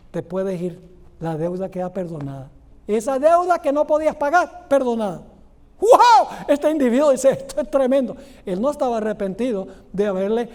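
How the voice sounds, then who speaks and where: A male pastor preaching a Bible study sermon with a dark, mellow tone. He tells the story with life, slipping into the voices of the people in the parable with quick leaps up in pitch and back down to a low, grave register. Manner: animated, acts out the parable characters with pitch jumps.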